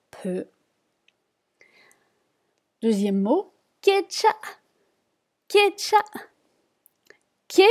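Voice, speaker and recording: A woman's voice: medium pitch, warm tone. A woman teaching a reading lesson, patiently repeating each word and explaining it. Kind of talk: slow spoken lesson.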